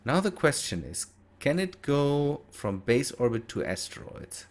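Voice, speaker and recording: Very animated but keeping a measured pace, a man with a mid-range voice hosts a gaming video. He has a German accent and is a native German speaker, and his casual commentary is hesitant and thought aloud, with self-corrections.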